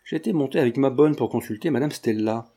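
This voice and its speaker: A man's voice: brisk, dark tone, husky. Man voicing sly old man, feigned deafness, conspiratorial, darkish voice, storybook. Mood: scheming. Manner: lowered, conspiratorial speech.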